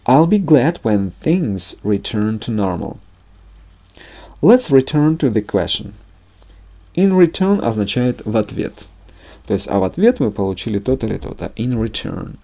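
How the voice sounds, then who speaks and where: Gravelly low-voiced man teaching a lesson. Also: warm tone. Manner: reads English examples then translates them into Russian. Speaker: English teacher. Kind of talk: language lesson narration.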